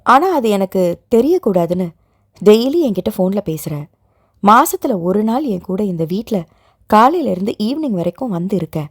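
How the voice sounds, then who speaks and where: A woman voicing a tender, gently scolding young lover. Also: high voice, sing-song, normal speed, husky, dry recording, studio quality, full character voice. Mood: tender reassurance. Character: young man, loving and protective fiancé.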